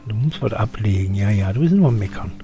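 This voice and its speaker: A man's voice: lowish voice, lively intonation, fast, dark tone, faint music behind. An older man gives chatty live game commentary, muttering to himself and grumbling at his character. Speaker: let's play streamer.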